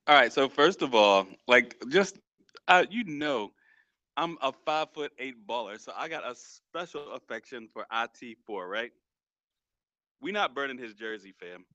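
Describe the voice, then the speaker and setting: Slangy podcast guy, bright punchy voice, dry sound, kinda dull lo-fi mic. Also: mid-range voice, lively intonation, unhurried, no echo. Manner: casual, slangy, heartfelt. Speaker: podcast co-host. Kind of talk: casual chat about sports.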